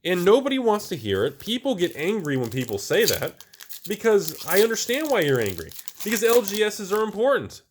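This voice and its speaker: Animated man exclaiming over card packs. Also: sits high, a little fast, slight background noise. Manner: animated and exclaiming, rambling with restarts. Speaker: channel host. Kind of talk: casual commentary while opening card packs.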